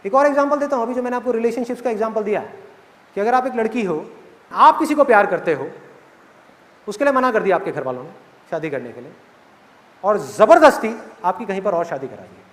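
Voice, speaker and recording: Animated guy in his 30s from india joking with a crowd, highish voice, big hall echo. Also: brisk, long pauses. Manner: animated, joking, asks the audience questions. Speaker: motivational speaker. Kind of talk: live motivational talk. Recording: reverberant hall with audience.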